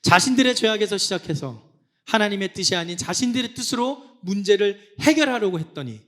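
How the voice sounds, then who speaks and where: A young man preaching as a church pastor, his voice sitting high for a man. He swings from loud, dramatic exclamations to hushed, low-voiced passages. The delivery is a passionate sermon. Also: lively intonation, brisk.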